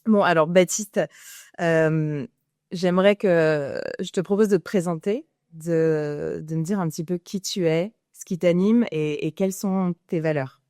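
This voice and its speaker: A woman hosting a podcast, reading a prepared introduction and asking her guest questions in a measured way. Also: lowish voice, darkish tone, no room sound, clean studio sound. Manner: measured, reads prepared lines. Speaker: podcast host. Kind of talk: scripted intro and interview questions.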